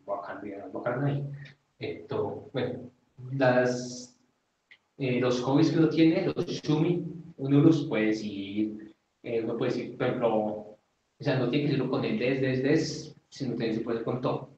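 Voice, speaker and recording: A Colombian man with a medium-pitched, mellow voice gives an informal Japanese lesson, speaking slowly and deliberately while hesitating often and filling gaps with fillers. He's recorded far from the mic in an echoey, dull-sounding room, with a little hiss or hum.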